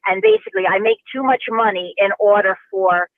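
A gravelly, slightly high female voice with big pitch swings comes through a tinny phone line, fairly quick and without echo. The caller, a woman in her sixties, rambles and restarts her questions while putting them to a talk show.

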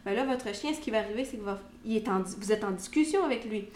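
A woman with a Québécois French accent explaining dog training to viewers in a lively way, often checking in with "ok?". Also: mid-range voice, quick pace, slight background noise. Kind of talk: instructional talk to viewers. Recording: roomy echoey room.

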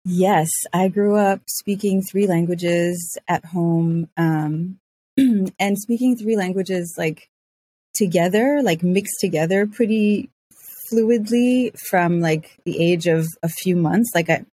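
A woman's voice: on the low side, takes it slowly, dark tone, husky. A woman from Switzerland chatting as a podcast guest, full of fillers and restarts. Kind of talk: casual interview talk.

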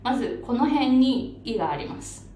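A woman pronunciation coach explaining a chart in a patient, lively way, with many fillers and English phrases dropped into her talk. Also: on the high side, normal speed. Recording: echoey room, faint background noise.

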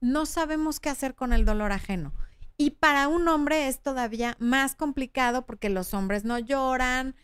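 With a Mexican Spanish accent, a woman in her thirties gives candid, chatty relationship advice and performs the voices in the viewer comments she reads. Her voice sits high, with a clean tone and a moderate pace, in a dry recording.

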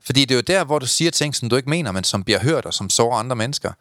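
A man speaks in an animated, blunt way on a casual podcast. His voice sits at an ordinary pitch. It is recorded close and dry, with no room sound. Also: no room sound. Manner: animated, blunt, tells crude anecdotes. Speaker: podcast co-host.

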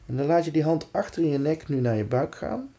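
A man guiding a breathing and body-awareness exercise in a calm, reassuring way, leaving pauses between short instructions. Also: fairly high pitch. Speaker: relaxation and breathwork guide.

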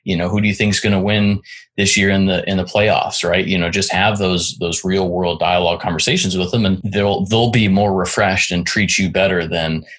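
A man hosts a relaxed interview in a very deep voice with a husky edge. He circles his points, restarts sentences and keeps checking in with "right?" The tone stays conversational throughout. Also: moderate pace. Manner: rambling, many restarts and "right?" tags. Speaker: podcast host.

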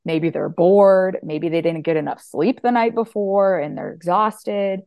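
A woman's voice: fairly low pitch, unhurried, dry recording. A woman health and nutrition coach, a guest chatting casually and easily in an interview, with plenty of fillers. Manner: relaxed, chatty, filler-heavy.

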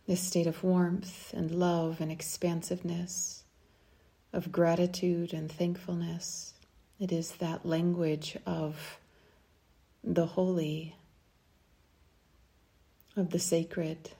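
In a low, mellow voice with creaky edges, a woman guides a meditation. She speaks softly and soothingly, with long pauses between short phrases, and her delivery stays very even.

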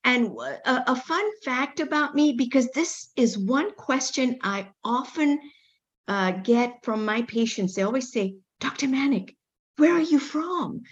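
Speaking high at a measured pace, this middle-aged Kenyan woman, a doctor, recounts her story in an informal interview. She is animated, repeats words often, and adds playful asides, though the recording is muffled.

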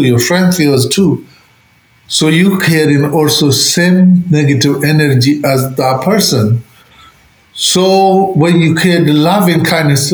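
A man giving spiritual teaching as an interview guest, speaking halting non-native English. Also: a little high. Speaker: interview guest, Buddhist lama and author. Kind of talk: explanatory spiritual teaching in conversation. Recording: roomy, echoing space.

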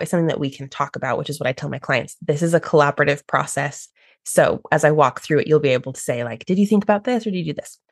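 A woman with a low-pitched voice hosts a podcast, walking through how she works as a designer. She sounds enthusiastic and explains things clearly. The recording is dry and close. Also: no room sound. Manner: enthusiastic, explanatory, acts out clients in high voices. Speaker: podcast host, brand strategist and designer. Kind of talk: podcast conversation.

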